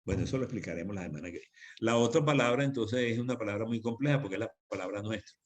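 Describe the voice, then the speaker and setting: Emphatic lower-voiced pastor teaching. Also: male voice, racing. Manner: emphatic, repeats phrases for stress. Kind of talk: sermon teaching on prayer. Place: church.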